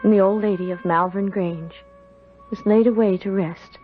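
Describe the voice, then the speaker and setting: In an old-time radio drama, an actress with a mid-range, near-everyday voice plays an earnest young servant girl weighed down by guilt, delivering it with sensitivity and drama. Her intonation stays fairly even at a moderate pace, the mood haunted and solemn, with soft music behind her on a muffled old broadcast.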